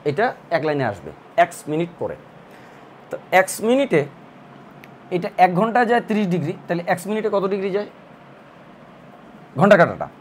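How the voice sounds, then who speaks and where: Male math tutor, high voice, lively pitch, step-by-step explaining, faint background hum. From Bangladesh. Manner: explains slowly step by step, thinking aloud as he draws. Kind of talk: recorded math lesson.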